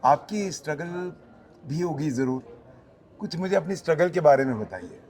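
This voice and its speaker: A man's voice: on the high side, expressive, a little mellow. Reflective older man in his sixties. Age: 60s. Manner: measured, reflective, encouraging. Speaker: interviewer, police officer. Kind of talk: casual conversation.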